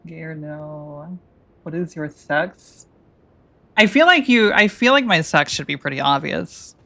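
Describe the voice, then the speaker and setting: This woman streamer jokes around and rambles as she plays, restarting and interrupting herself constantly. Her feminine voice is low, creaky and fairly bright, expressive and unhurried, with no echo in the recording.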